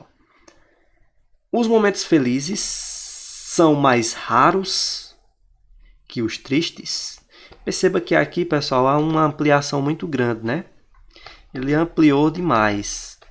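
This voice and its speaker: A man's voice: mid-range voice, gravelly, fairly bright tone. A man teaching in Portuguese with a Brazilian accent, walking students through exam answers and often pointing things out to the class.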